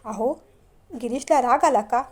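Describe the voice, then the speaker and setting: A woman's voice: on the high side, unhurried, darkish tone. A woman voicing a shy, sweet young woman about to marry. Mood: flustered.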